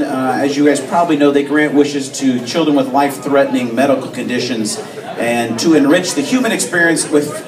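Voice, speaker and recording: A man hosts from a bar stage, his slightly high voice picked up by a distant camera. The room rings with echo and a crowd murmurs behind him. He talks with frequent hesitant fillers. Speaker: event host. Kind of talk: live stage presentation. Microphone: handheld mic, far camera. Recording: echoey bar from far off, crowd noise. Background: crowd chatter.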